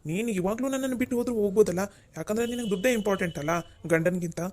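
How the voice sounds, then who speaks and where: A voice actor playing a young cartoon husband who is a gentle, forgiving schoolteacher and speaks calmly. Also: mid-range voice, racing, natural voice. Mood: hurt. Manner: calm, soothing, reassuring. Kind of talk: Kannada cartoon dubbing.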